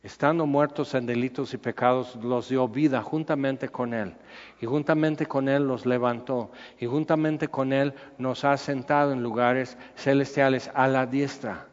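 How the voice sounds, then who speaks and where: A man preaching a sermon, animated, acting out the voices he quotes. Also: mid-range voice, measured pace. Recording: dull sound in a reverberant hall.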